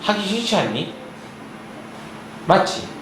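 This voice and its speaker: A young man tutors math in an academy classroom, lecturing and scolding his students while constantly firing off quick check-in questions. His voice sits high and swings widely in pitch. The recording is noisy and very echoey, with the mic placed far away.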